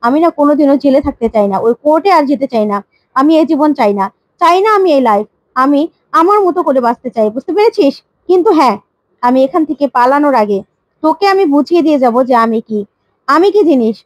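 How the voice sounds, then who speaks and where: A woman's voice: sits high, lively intonation, fast, no room sound. A woman voicing a boastful fugitive villain who taunts and threatens, in a retold serial story. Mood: taunting. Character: scheming fugitive middle-aged man, boastful villain.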